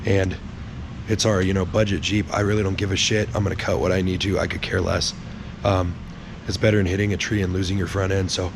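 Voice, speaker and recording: A man speaks in a raspy, worn-out voice, hoarse and low, with heavy fry. He explains hands-on work casually and bluntly, swearing freely. There is clear noise behind him. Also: level tone, brisk. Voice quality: raspy, strained, gravelly voice. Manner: blunt, swearing, laid-back. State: hoarse, sick with little voice. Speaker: host of a truck build vlog.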